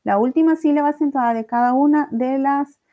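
A woman's voice: high-pitched, brisk. A woman teacher explains a lesson step by step, often checking in with the class. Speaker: language teacher. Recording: dull lo-fi recording.

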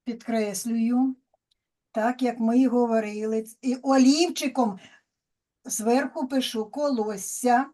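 Slow, patient woman teacher. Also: fairly high pitch, fairly even intonation, warm tone. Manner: slow, patient, explaining step by step. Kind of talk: children's language lesson.

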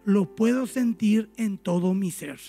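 A man with a Paraguayan Spanish accent preaching a sermon as pastor in a church, telling stories in an animated way and acting out the dialogues. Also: sits high, unhurried, soft background music.

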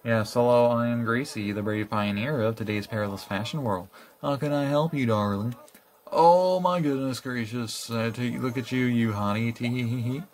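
A man's voice: medium pitch, moderate pace, faint music behind, natural voice. Gracie, a man voicing a snooty giraffe fashionista. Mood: haughty. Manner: condescending, calls everyone darling. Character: snooty haughty female giraffe fashion designer.

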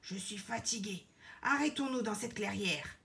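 A haughty old lion king, put on by a woman reading a storybook. He speaks in a loud, commanding way and looks down on everyone around him. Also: high voice, animated, moderate pace, voice pushed up.

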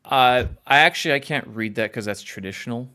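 A Canadian man hosts a podcast over a video call, rambling casually, often correcting himself and laughing at himself. His medium-pitched voice is pushed, bright and smooth, and he speaks fairly quickly.

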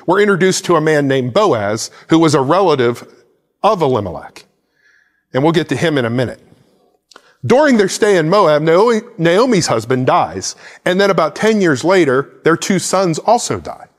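Very animated and a little high in pitch, this man speaks at a moderate pace, with a long reverb tail behind him. He's a pastor in his forties, Bible in hand and gesturing, preaching to camera on a church stage decorated with plants and a cross.

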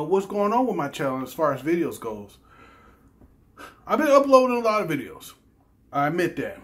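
A man's voice: fairly high pitch, fairly bright tone. A man hosting a gaming channel, giving a casual, rambling update full of fillers and tag questions. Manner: rambling, filler-heavy, often adds "right?". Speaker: YouTube gaming channel host.

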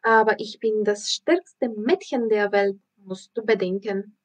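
A woman voicing a cheeky, fearless little girl in an audiobook reading, with a high eager voice. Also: measured pace, highs cut off, lightly acted.

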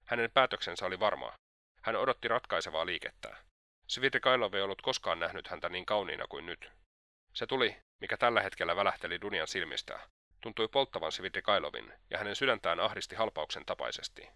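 Audiobook reader, man, very deep, bright, steady and measured. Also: dry recording, studio quality. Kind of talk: audiobook narration.

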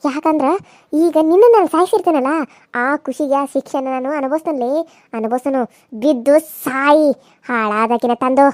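A woman's voice: high-pitched, brisk, darkish tone, dry recording, studio quality, natural voice. A woman voicing a vengeful, menacing village wife in a cartoon serial, taunting. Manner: taunting, threatening.

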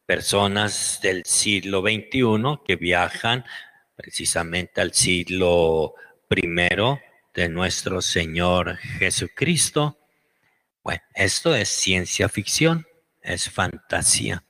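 Slow, bright-voiced Mexican lecturer. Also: male voice, low voice. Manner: slow, folksy, fond of diminutives. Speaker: religious studies lecturer. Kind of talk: storytelling lecture. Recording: long hall reverb.

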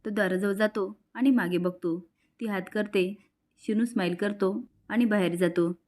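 A woman narrating a recap of a television serial, telling it in a steady storytelling manner. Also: medium pitch, normal speed.

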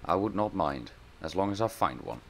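A man hosting a let's play, giving casual gameplay commentary and bursting into loud surprised exclamations. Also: low-pitched, expressive, moderate pace, vocal fry, slight background noise.

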